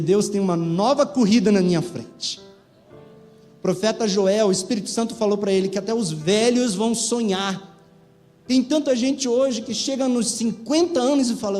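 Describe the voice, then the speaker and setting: A man's voice: sits high, a little mellow. A man in his forties, a pastor with a Brazilian Portuguese accent, preaching a sermon that rises and falls in fervent bursts. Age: 40s.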